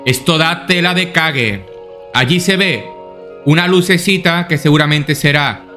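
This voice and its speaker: A man's voice: a little high, measured pace, bright, forceful tone, soft background music. A man doing casual let's-play commentary, swearing often and thinking aloud to himself. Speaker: gaming YouTuber.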